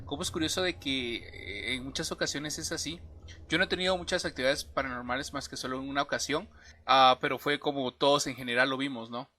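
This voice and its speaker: A man's voice: medium pitch, brisk, bright, forceful tone, slight background noise. A man co-hosting a podcast, chatting casually in a reflective way. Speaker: podcast co-host. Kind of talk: casual chat.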